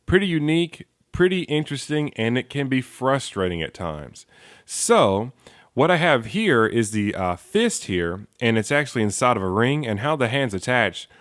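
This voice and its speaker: A man's voice: medium pitch, no echo, clean studio sound. A man giving a casual toy review, enthusiastic, repeating praise words and dropping frequent ums.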